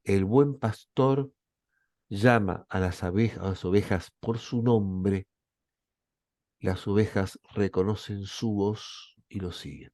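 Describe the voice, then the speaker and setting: A man's voice: lowish voice, takes it slowly, a little mellow, dry recording, clean studio sound. A man with an Argentine accent giving a reflective Bible lecture as a professor, often checking in with his listeners. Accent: Argentine Spanish.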